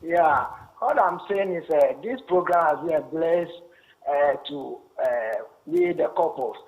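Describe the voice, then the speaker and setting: A man calling in to a talk show over a bad, clipped phone line, speaking haltingly and checking whether he can be heard. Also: on the high side, lively intonation. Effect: crackly phone line with a bad connection. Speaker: caller. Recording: distant, clipped phone audio.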